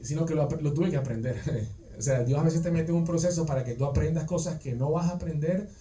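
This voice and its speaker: A man's voice: a little high, a little fast, mellow. A man preaching a sermon in a conversational way, asking his listeners rhetorical questions. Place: church. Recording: echoey church, distant mic, faint music.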